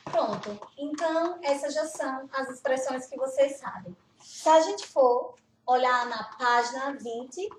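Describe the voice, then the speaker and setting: A woman teaching Norwegian pronunciation, slowly repeating words and laughing now and then. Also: sits high, recorded from a distance, slight background noise. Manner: slow, repeats words carefully, laughs often. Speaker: language teacher. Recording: roomy echo, off-mic.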